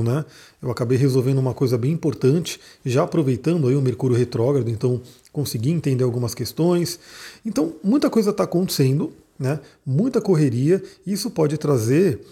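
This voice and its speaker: A man with a Brazilian accent and a tired, hoarse voice casually explains the day's astrology as host, often adding little tag questions. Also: on the high side, mellow. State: hoarse, voice worn out from talking all day. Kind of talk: casual spoken daily astrology reflection.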